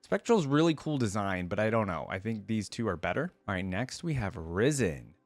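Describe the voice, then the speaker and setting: This man's voice sits on the low side, with big pitch swings at a normal speed, in a dry recording. He's hosting a reaction video on game content, riffing casually and thinking aloud as he goes.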